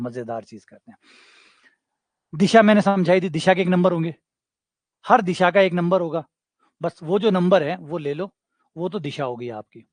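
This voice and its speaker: A man's voice: fairly high pitch, a little mellow, no room sound. A man with a Rajasthani accent teaching a maths coaching class, chatty and joking, slipping into local dialect. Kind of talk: online exam coaching class.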